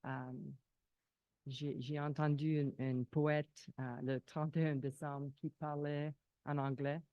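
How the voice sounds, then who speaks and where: A woman's voice: sits low, little pitch movement, slow, dark tone, no echo, lo-fi sound. A woman who is not a native French speaker, with a foreign accent in French, raising questions informally as a resident at a public meeting and searching for her words.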